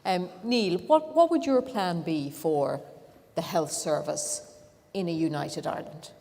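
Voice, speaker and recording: A woman's voice: on the low side, measured pace, creaky, mellow. A woman moderating a panel discussion, asking probing questions with hesitant restarts. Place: event hall. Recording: long hall reverb.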